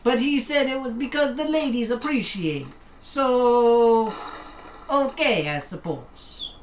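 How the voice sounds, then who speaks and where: On the high side with lively intonation, a woman talks slowly as she streams a game from her desk at home. Her commentary is casual and joking, full of assumed accents and retorts to the game. The recording is roomy with a faint hum.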